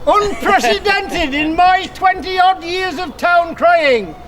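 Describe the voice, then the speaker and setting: High-pitched town crier proclaiming to crowds. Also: male voice, takes it slowly. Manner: projecting outdoors to a crowd. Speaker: town crier and event host. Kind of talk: town crier, loud drawn-out ceremonial proclamation. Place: outdoors in a town street. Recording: busy outdoor street with crowd noise.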